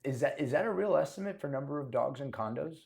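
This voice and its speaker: Male host, mid-pitched, chatty and playful, casual real estate talk show. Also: animated, quick pace, vocal fry, crowd noise. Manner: chatty, joking, stumbles over words.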